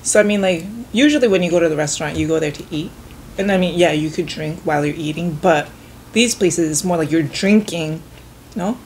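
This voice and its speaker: A woman chatting casually over a meal, easygoing and quick to ask short follow-up questions. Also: deep voice, a little mellow, a little hiss or hum, low-quality recording.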